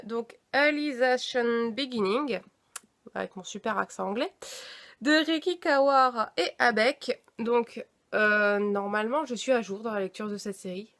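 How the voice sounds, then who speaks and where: A young woman with a fairly high voice chats to the camera about books she just got. She talks casually and hesitantly, stopping often on fillers and small restarts. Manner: chatty, hesitant with many fillers. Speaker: book vlogger. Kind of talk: casual book haul vlog.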